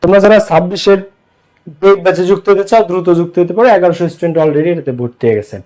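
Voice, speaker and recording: A man's voice: sits high, very fast, a little mellow, rough recording. A man teaching an online English grammar class, drilling students with repeated questions and mixing Bengali explanation with English examples.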